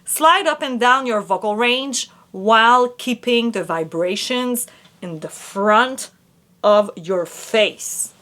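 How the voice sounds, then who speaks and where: Slow-speaking woman vocal coach. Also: on the high side, background noise. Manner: slow, clear instructions with sung vocal examples. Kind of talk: singing lesson with demonstrations.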